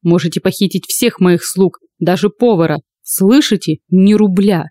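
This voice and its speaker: A woman voicing a stout, blustering man in an audiobook, speaking in a gruff, measured way. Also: on the low side, dark tone, dry recording, close to an everyday voice. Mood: angry. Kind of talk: audiobook character voice.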